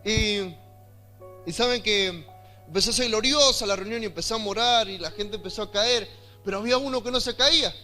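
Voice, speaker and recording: A young man with an Argentine accent, preaching a sermon and telling a personal testimony, often building to loud, emphatic delivery. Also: sits high. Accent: Argentine Spanish.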